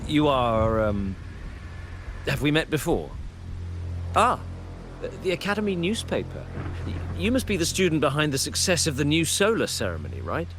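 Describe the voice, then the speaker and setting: An actor playing an absent-minded, excitable engineering professor in a video game, scatterbrained and eager about his work. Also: on the high side, normal speed, long pauses, soft background music. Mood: distracted, flustered.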